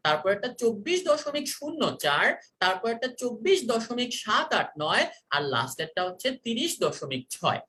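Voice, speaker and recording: A teacher leads an online chemistry class and quizzes the students by repeating each question. The voice is bright and clear. The pitch rises and falls freely.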